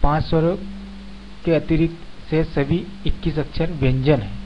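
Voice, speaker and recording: This beginner English grammar lesson is spoken slowly by a man whose voice is a little high, with fairly even intonation and normal speed. He explains each point step by step and repeats the example words. Faint background noise accompanies the dull, lo-fi recording.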